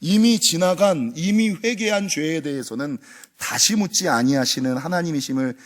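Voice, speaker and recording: A man's voice: fairly high pitch, normal speed. A man preaching a sermon as pastor, emphatic and full of rhetorical questions to the congregation.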